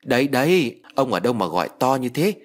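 A man voicing a middle-aged village wife who scolds her husband briskly in an audio story. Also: medium pitch, big pitch swings. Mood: scolding.

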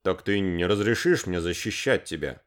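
Guy doing a shy earnest young man, low and fumbling, voice goes up and down a lot. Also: lively intonation, normal speed. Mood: awkward, earnest. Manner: hesitant and earnest. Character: gangly, awkward young man, earnest and smitten.

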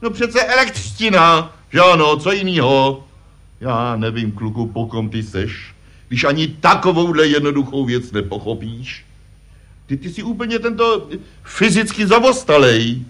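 A man's voice: fairly high pitch, very animated, pushed and bright. Spejbl, a pompous puppet father. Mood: lecturing. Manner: self-important, lecturing, fond of "že jo". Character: pompous blustering puppet father, know-it-all. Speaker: puppet performer. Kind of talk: vintage puppet comedy sketch.

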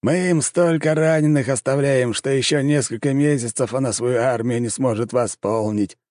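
A man's voice: mid-range voice, normal speed, darkish tone, no echo, studio quality, voice pushed up, close to an everyday voice. Guy doing a smug mocking general, sneery.

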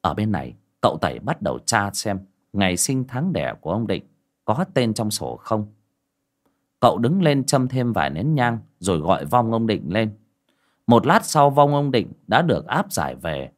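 A man narrating a ghost story audiobook with expressive storytelling. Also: lowish voice, moderate pace. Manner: storytelling with expressive rises and falls. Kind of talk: scripted narration.

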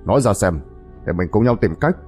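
A man voicing a calm older village man who speaks in a low, measured, reassuring way. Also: soft background music, natural voice. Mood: grave.

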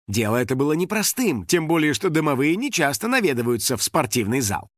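A man reads a children's story aloud as narrator, with a fairly high voice that rises and falls constantly. His delivery is animated and storyteller-like. The sound is dry and close to the mic, with no room around it. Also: dry recording. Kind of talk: expressive audiobook narration.

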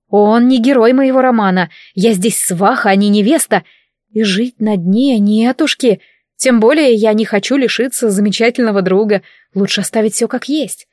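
A woman narrating a fantasy novel in first person, with an ironic, lively telling. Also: mid-range voice, dry recording, studio quality. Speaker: audiobook reader. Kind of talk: scripted narration.

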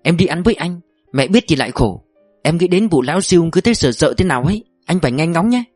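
A man's voice: on the high side, animated, fast talker, dry recording, soft background music, pitched above the performer's own voice. A man voicing a worried young woman. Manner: worried, pleading. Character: young woman, anxious girlfriend.

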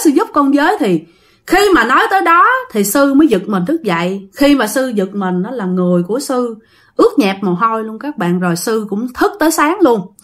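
A woman with a Southern Vietnamese accent telling a ghost story in a casual, animated way, often turning to address her listeners directly. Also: on the high side.

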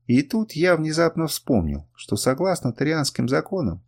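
A man narrating a first-person adventure audiobook in an expressive reading. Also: on the high side, moderate pace, breathy edge. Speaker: audiobook reader.

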